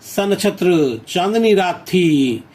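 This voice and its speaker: A man's voice: high-pitched, lively intonation, takes it slowly, a little mellow. A male Hindi teacher who reads poetry lines aloud and then explains them step by step, repeating phrases as he goes.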